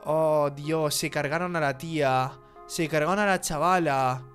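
A man's voice: fairly high pitch, fairly even intonation, a little slow, a bit bright, soft background music. A man giving let's play commentary, reacting with exclamations and swearing. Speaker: gaming YouTuber.

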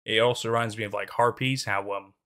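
In a small room, at a desk with a green screen behind, a young man narrates a horror story and then chats casually. His voice is lowish with fairly even intonation, a fairly quick pace and a sharp tone, and his commentary is rambling and hesitant, full of fillers and restarts.

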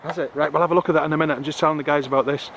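A middle-aged man chatting excitably to his viewers while magnet fishing outdoors in a river, filmed on a camera. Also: a little high, rapid-fire, vocal fry, muffled recording, very noisy. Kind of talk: casual outdoor commentary. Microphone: camera on a tripod or handheld.

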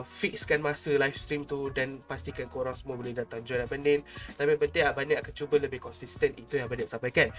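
A man's voice: on the high side, a bit bright. A young man with a Malaysian accent talking casually and informally to his subscribers as a YouTube host, close to a desk microphone. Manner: informal, chatty, addresses viewers as an older brother. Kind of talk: casual vlog talk to subscribers. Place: small home room, indoors. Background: background music.

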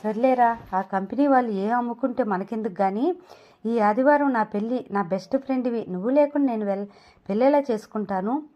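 A woman's voice: on the high side, dull audio, close to an everyday voice. Woman doing a flustered young groom. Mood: pleading. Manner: flustered, rushing and pleading. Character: anxious young male groom, pleading. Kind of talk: audio novel dialogue.

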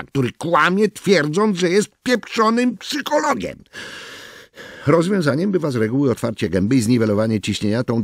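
Gravelly husky guy reading a crime audiobook, super animated, dry close sound. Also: on the high side, no room sound. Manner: very expressive, animated delivery. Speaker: audiobook narrator. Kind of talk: first-person audiobook narration.

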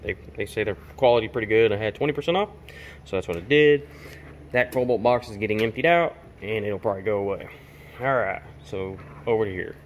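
Holding a camera as he wanders through his home garage workshop, this vlogger rambles informally, full of fillers and restarts. His voice has a fairly low pitch, and the audio is dull with a bit of hiss or hum.

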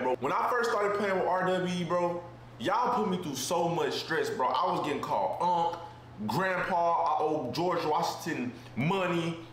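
Chill young dude in his 20s going "bro" every line, kinda high voice, super roomy echo, faint hiss. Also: a bit bright. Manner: laid-back slang, says "bro" constantly. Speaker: basketball player. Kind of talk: casual vlog chat. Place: living room with kitchen behind. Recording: very echoey room, faint hiss.

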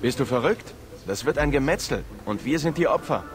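Brief: anxious male warrior voiced by an actor, game audio with clear background noise. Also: mid-range voice, animated, a little fast, lightly acted. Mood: alarmed. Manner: anxious, protesting. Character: alarmed male warrior warning against battle.

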